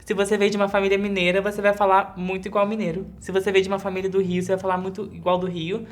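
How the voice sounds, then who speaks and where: A woman from Rio de Janeiro state explains her points calmly. Her voice sits in a middle pitch and her delivery stays even. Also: very fast. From Rio de Janeiro state, Brazil. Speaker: interviewee.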